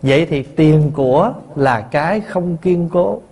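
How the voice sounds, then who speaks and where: A man's voice: on the high side, lively intonation, takes it slowly, darkish tone. A man, a Buddhist monk teaching a dharma talk in a storytelling way, asking his listeners questions.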